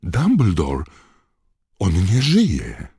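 Guy doing a flustered loud minister, husky and dry sounding. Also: rumbling low, very animated, very slow, dry recording, exaggerated voice. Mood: alarmed.

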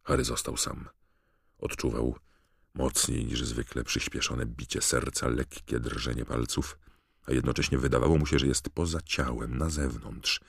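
A man narrating an audiobook in a measured, steady reading. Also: very deep voice, vocal fry, husky, no echo, clean studio sound. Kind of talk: scripted narration.

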